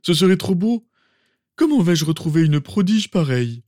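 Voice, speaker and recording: A man voicing a pompous, sentimental old male wizard professor, with theatrical, drawn-out exclamations. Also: high voice, very animated, dark tone, dry recording, studio quality. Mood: fussing. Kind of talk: fan audiobook reading.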